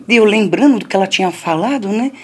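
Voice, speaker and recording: A woman's voice: medium pitch, lively intonation, fast, a little mellow, husky. An older woman telling a personal story in a conversational way, often adding little tag questions and speaking straight to her listeners. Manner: conversational, lots of "né" tags, addresses listeners. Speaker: storyteller recounting a childhood memory. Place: community center.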